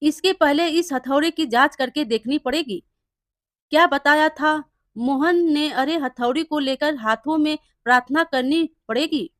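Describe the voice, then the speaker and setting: A woman's voice: sits high, unhurried, no room sound, studio quality. A woman doing a jealous male blacksmith. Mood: gloating.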